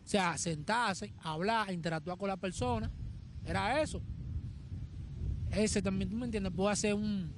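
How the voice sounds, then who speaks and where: A man with a high voice explains his points with everyday examples. He keeps checking that his listener understands him. There is faint noise in the background. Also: a little slow, long pauses. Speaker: podcast co-host. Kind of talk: casual chat.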